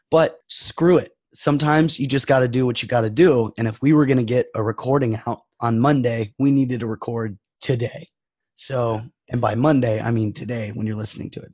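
Casting: man, podcast co-host, hoarse nasal voice, dry close sound. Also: mid-range voice, a little mellow, no room sound. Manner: joking, upbeat, powering through. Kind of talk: casual podcast chat.

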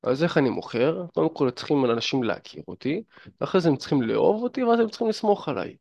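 A man talks straight to the listener in a casual, filler-heavy coaching monologue about dating and fitness. His voice has a gravelly edge, and the recording sounds dull and dry, with little room sound. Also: a little high, big pitch swings, darkish tone, dry recording. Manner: chatty, addresses listener directly, many fillers. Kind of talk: casual advice monologue to camera.

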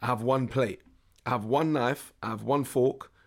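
A young British man with a hoarse, worn-out voice, hosting a casual podcast in a jokey, slangy, rambling way. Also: medium pitch, fairly even intonation, normal speed. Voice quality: hoarse, strained voice. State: hoarse, losing his voice. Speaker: podcast host. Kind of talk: casual solo podcast chat.

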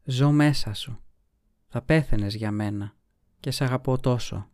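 Man voicing a young noblewoman, languid, secretive, soft sighing delivery, dry sound, storybook reading. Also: medium pitch, dry recording, natural voice. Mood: tender.

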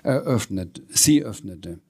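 Relaxed man reading a children's story. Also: on the low side, takes it slowly, gravelly, breathy edge. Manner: relaxed, with small slips and fillers.

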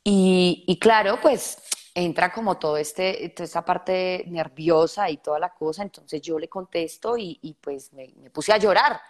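A young adult woman with a Colombian accent speaks in a lowish voice at a measured pace. She's a guest actress in an interview, animatedly telling stories and acting out other people's voices along the way.

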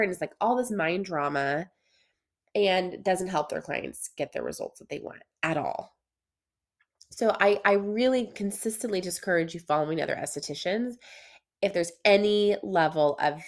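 A woman speaks with a nasal, stuffed-up voice, as if getting over a cold. Her pitch sits in the middle for a female voice. She talks casually as a solo podcast host and coach, stressing her points by repeating them. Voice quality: nasal, congested. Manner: emphatic, repeats phrases for stress. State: sounds sick with a cold.

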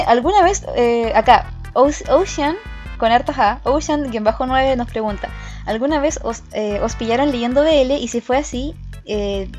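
Woman, Chilean accent, high-pitched, giggly, chatty podcast co-host, faint music. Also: measured pace, a little mellow. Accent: Chilean Spanish. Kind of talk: casual chat.

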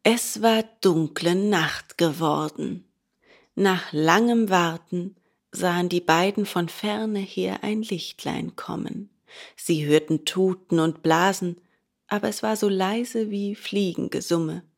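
A woman reading a children's story aloud in a calm, measured way. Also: lowish voice, gravelly.

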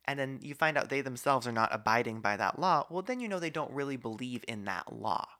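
A man's voice: mid-range voice, animated, fairly quick, sharp tone. A man hosting a casual podcast conversation, talkative and argumentative, with many asides. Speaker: podcast host.

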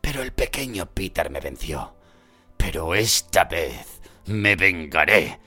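A man voicing a gaunt, vengeful escaped prisoner who speaks in slow, heavy growls. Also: low-pitched, animated, bright, forceful tone, soft background music, heavily acted.

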